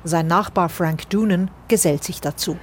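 A woman reporter reading a scripted radio news report in a measured, dryly commenting manner. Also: on the low side, a little hiss or hum.

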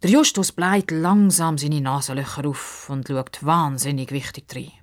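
Calm woman reading a story. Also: deep voice, a little slow.

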